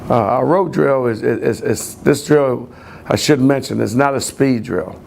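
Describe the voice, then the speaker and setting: A man's voice: medium pitch, a little slow, creaky, a little mellow, a little hiss or hum. A man coaching running backs, explaining drills step by step in a plain, repetitive way. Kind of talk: coaching instruction.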